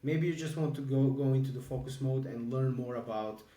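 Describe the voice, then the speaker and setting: A man from Croatia co-hosting a podcast in casual chat, halting with many fillers and restarts. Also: mid-range voice, mellow, recorded from a distance. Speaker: podcast co-host. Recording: echoey room, a bit off-mic.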